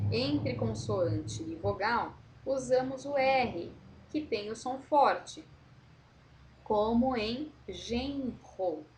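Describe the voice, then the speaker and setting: A woman teacher correcting a worksheet for young pupils, slowly modelling words and explaining patiently. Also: medium pitch, a little mellow, slight background noise. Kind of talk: correcting a school worksheet for children.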